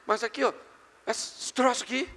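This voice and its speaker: A middle-aged Brazilian pastor preaching an animated, joking sermon to a live congregation. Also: male voice, very high voice, moderate pace. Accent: Brazilian Portuguese. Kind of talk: sermon on marriage and communication. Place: church hall before a live congregation. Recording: long hall reverb.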